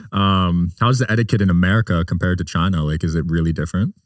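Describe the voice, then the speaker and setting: Male interviewer, very low voice, easygoing, set back from the mic in a dry room. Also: brisk, no room sound, far from the mic. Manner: relaxed, laughs easily, short prompts. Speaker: podcast host. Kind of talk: casual interview chat.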